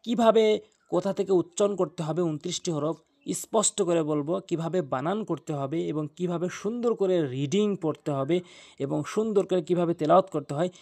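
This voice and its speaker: A man teaching Arabic letter pronunciation for Quran recitation, earnest and emphatic, repeating each sound slowly. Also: fairly high pitch, creaky, a little mellow. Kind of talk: pronunciation lesson.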